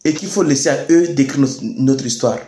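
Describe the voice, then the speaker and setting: A young man with a Chadian French accent giving a rousing political address, emphatic and deliberate, with repeated phrases and rhetorical questions. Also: medium pitch, warm tone, soft background music. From Chad. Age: young adult. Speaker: youth activist speaker. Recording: echoey room sound.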